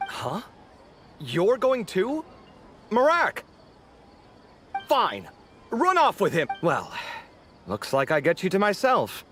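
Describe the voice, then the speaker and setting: A man voicing a dramatic young male architect in a game, expressive and huffy. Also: high-pitched, slow, long pauses, slight background noise, heavily acted.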